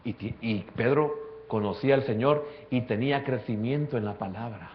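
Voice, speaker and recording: A man's voice: mid-range voice, normal speed, lo-fi sound, slight background noise. A man, a pastor preaching an impassioned sermon and calling listeners brother. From El Salvador. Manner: impassioned preaching, swings from soft asides to loud climaxes; addresses listeners directly as brother.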